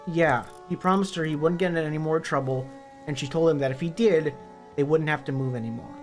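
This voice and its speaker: A hoarse man reading a story aloud and voicing a quiet, timid young boy. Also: on the high side, a little fast, faint music behind, natural voice. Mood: meek. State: hoarse from illness.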